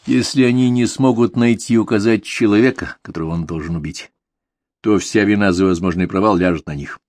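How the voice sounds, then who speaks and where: A man narrating an audiobook in an even, measured reading. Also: on the low side, no echo. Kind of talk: scripted narration.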